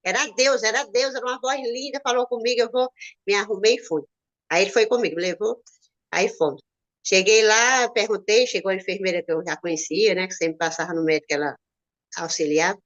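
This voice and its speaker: A woman's voice: fairly quick, fairly bright tone, highs cut off. A woman with a Brazilian Portuguese accent, earnestly telling a personal testimony and acting out the voices of the people in it. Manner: earnest, acts out quoted voices with sudden jumps in pitch. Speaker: guest giving a testimony. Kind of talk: emotional personal storytelling.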